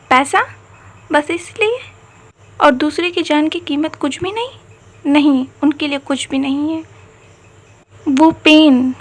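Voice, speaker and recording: A woman narrating a fan story in an earnest, emotional way, often repeating herself. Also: high voice.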